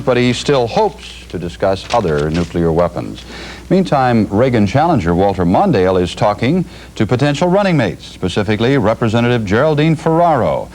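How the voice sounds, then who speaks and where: An American man anchors an evening TV newscast, reading scripted news in a fairly low, slightly mellow voice. The audio comes from a noisy 1980s broadcast videotape.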